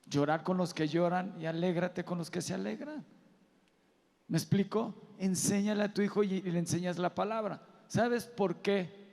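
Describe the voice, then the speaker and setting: A man's voice: high voice, steady tone, moderate pace, creaky, a little mellow. A man pastor preaching earnestly, putting direct questions to the parents in the audience. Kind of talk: sermon. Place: large auditorium. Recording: live hall reverb.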